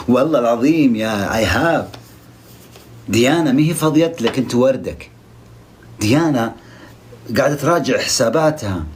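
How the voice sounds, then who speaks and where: A man's voice: mid-range voice, expressive, normal speed, long pauses, a little hiss or hum. A young man giving comic, sarcastic commentary on a reality show, scolding and mocking the people in it.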